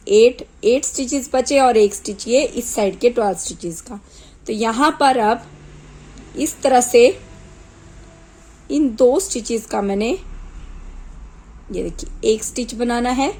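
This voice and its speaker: A woman with a sore throat teaching knitting step by step, calmly counting stitches aloud one at a time. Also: fairly high pitch, rough recording. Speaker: knitting tutor. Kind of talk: slow step-by-step craft tutorial.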